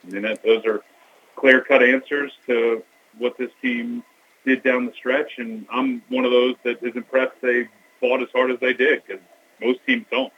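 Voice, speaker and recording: A man's voice: medium pitch, little pitch movement, moderate pace. A man giving sports analysis as an interview guest, calling in by phone from a train. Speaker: sports TV sideline reporter and guest. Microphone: phone call from a moving train. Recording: dull, noisy phone line from a train.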